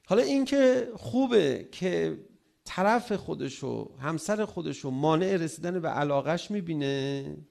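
A middle-aged cleric giving a sermon on marriage, animated, acting out household quarrels in a raised voice. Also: male voice, a little high, vocal fry.

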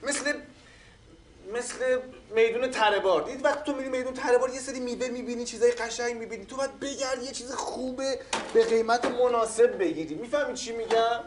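An actor playing a fussy, well-meaning husband who rambles and flusters in a comedy series. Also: male voice, extremely high pitch, a little hiss or hum. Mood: fussing.

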